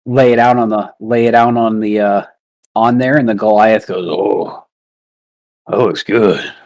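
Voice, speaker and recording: A man's voice: fairly low pitch, little pitch movement, moderate pace, darkish tone. A man running a tabletop game as game master, narrating loosely and casually with some swearing.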